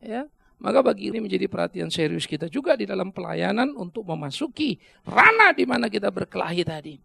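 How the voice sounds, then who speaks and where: A middle-aged male pastor preaching a sermon, jumping from loud bursts to quiet asides. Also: high voice, sing-song, fast talker, vocal fry, breathy edge, no echo.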